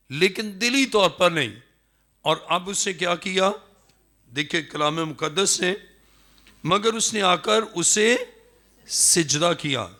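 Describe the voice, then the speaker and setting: In an emphatic sermon, a man with a Pakistani Urdu accent uses a pushed, bright voice. The pastor dramatizes the speech of figures in the story through swings in pitch.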